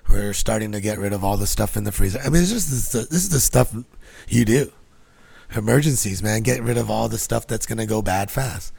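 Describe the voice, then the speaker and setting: A man's voice: on the low side, creaky, a little mellow, husky, dry recording. A man from Guam hosting a casual solo podcast outdoors, rambling in loose, slangy, sweary talk. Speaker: podcast host.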